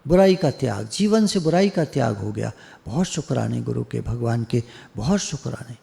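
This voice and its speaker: A man's voice: medium pitch, animated, normal speed, gravelly, warm tone, in a large hall. A man giving a conversational devotional discourse over an online call, teasing his listeners and acting out the people he quotes. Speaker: spiritual teacher. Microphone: online video call.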